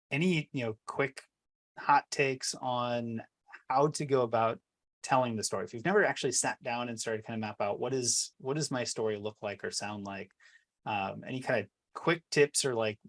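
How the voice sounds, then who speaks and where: A man hosting a business interview, asking long questions with hesitant fillers and restarts. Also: mid-range voice. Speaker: interview host.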